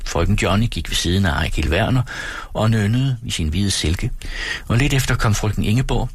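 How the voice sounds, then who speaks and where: A man calmly reading a classic novel aloud as an audiobook narrator, on a close microphone. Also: lowish voice, breathy edge, no echo.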